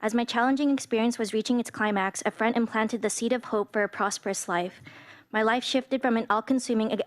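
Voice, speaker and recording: A woman in her twenties giving an earnest, prepared public comment to a city council. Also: a little high. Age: 20s. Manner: earnest, reading a prepared statement.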